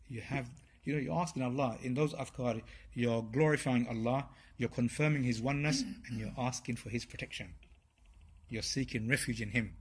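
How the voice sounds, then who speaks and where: A man's voice: medium pitch, fairly bright tone, slightly rough. A man giving an informal religious talk to a group, speaking conversationally and often checking in with his listeners. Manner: conversational, checks in with "yeah?" and "right?". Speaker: speaker at a religious study circle.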